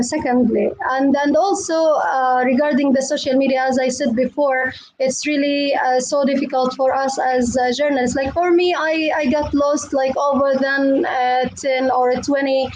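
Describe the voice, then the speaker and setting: High-voiced woman journalist from gaza, earnest and halting with lots of uhs. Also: poor audio. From Gaza, Palestine. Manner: halting, many fillers, earnest. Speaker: journalist guest. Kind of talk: interview answers.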